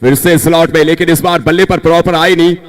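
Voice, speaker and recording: A man giving excited live cricket commentary, his voice leaping up on the big shots. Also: on the high side, quick pace, rough recording.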